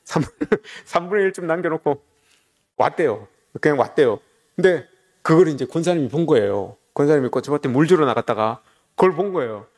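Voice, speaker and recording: A man's voice: on the high side, lively intonation, fairly quick, darkish tone. A man preaching a sermon, telling a story and speaking directly to his congregation. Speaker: pastor.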